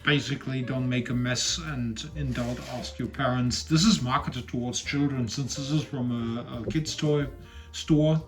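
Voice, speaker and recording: A man's voice: mid-range voice, fairly even intonation, unhurried, faint music behind. A man co-hosting a craft vlog, chatting casually and explaining things with fillers. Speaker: co-host. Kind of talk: casual unboxing chat.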